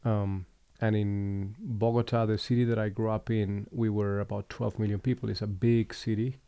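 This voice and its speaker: A man from Colombia hosting a relaxed conversation, speaking reflectively with frequent pauses and restarts. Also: fairly low pitch, clear, resonant tone, no echo. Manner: reflective, unhurried, with fillers and restarts. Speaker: podcast host. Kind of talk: casual conversation.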